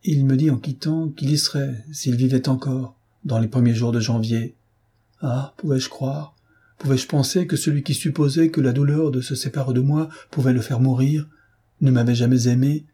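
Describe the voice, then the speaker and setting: A heartbroken young woman, distraught and pleading, her anguished words tumbling out in a mellow, husky tone, as a man reads her lines. An audiobook heroine undone by grief. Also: medium pitch, fairly even intonation, normal speed, lightly acted. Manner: anguished, impassioned outbursts.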